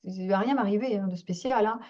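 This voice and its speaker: A woman's voice: mid-range voice, brisk, dark tone. A woman hosting a talk, speaking in an earnest, musing way. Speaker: host, speaker. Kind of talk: reflective talk. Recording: dull lo-fi audio.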